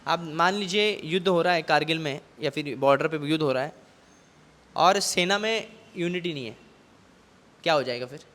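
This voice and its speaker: An Indian man giving a scripture class, reading English commentary slowly and deliberately, then explaining quickly in Hindi with a mix of English words. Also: a little high, fairly bright tone. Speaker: preacher. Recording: long hall reverb.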